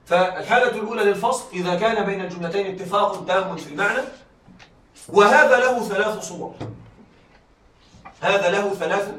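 This rhetoric lecturer's voice is high and fairly bright, a little fast but broken by long pauses, and he keeps checking his students understand while repeating examples. Faint noise and echo come through a distant mic.

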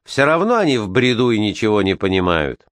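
A man's voice: lowish voice, big pitch swings, fairly quick, fairly bright tone, dry recording, clean studio sound. A man voicing a spiteful male acting boatswain who barks orders and mocks others in a storybook reading. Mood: mocking. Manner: barking, mocking.

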